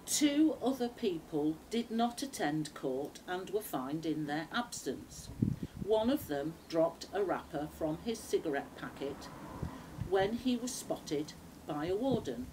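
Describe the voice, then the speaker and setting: A woman reading scripted dictation in a deliberate way, phrase by phrase with pauses, recorded outdoors by a camera a few metres away. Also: on the low side, animated, noisy background. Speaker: shorthand dictation reader. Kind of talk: measured shorthand dictation read from a script. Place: small outdoor backyard patio.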